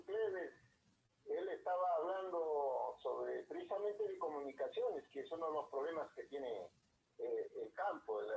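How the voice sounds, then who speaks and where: A man's voice: a little high, a little mellow, a little hiss or hum. A man from Peru, a cooperative manager, giving a courteous formal talk over a phone line. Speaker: guest speaker, cooperative manager. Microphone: telephone.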